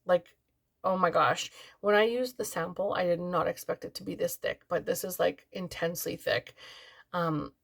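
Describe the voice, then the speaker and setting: A woman's voice: lowish voice, steady tone, moderate pace, vocal fry. A tired, yawning woman chatting casually as a beauty vlogger, rambling with lots of fillers. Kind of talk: casual product review chat.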